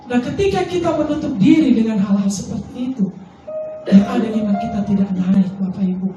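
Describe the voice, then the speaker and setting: A woman's voice: on the high side, a little fast, far from the mic, lo-fi sound. A woman pastor preaching a sermon, telling a personal testimony with pleading, sometimes sing-song prayers. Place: large church hall. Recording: echoey church hall from afar, faint music.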